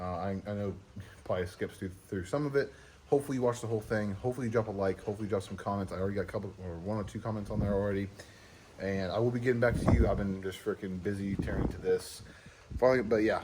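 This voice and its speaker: A man vlogging his truck work outdoors, rambling casually with lots of fillers and throat clearing. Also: lowish voice, darkish tone, a little hiss or hum. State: out of breath. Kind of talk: casual DIY vlog.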